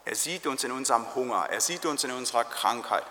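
A male preacher giving a solemn sermon in a church, slowing down on key phrases. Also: medium pitch, animated, pushed and bright. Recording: long church reverb.

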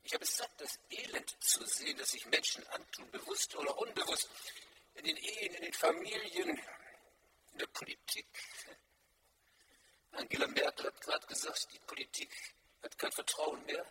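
A man's voice: very high-pitched, huge pitch swings, normal speed, gravelly, long pauses, background noise. A man preaching a sermon to his congregation, emphatic and full of rhetorical repetition. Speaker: pastor. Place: church.

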